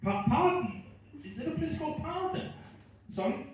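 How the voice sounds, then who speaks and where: Male comedian, Swansea Welsh accent. Rambling, sweary, self-deprecating crowd banter, animated pitch, very echoey live room. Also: normal speed, dull audio, background noise. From Swansea, Wales. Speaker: stand-up comedian. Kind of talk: stand-up comedy with audience banter. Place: live comedy venue with small audience. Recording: very echoey room, distant mic.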